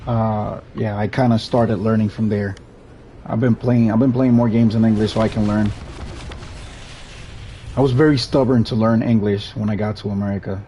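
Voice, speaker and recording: A young Puerto Rican streamer with a fairly low, mellow voice keeps a steady tone and moderate pace over slight background noise. He speaks Spanish natively with a Puerto Rican accent, chatting easily as he plays, rambling along and frequently restarting sentences.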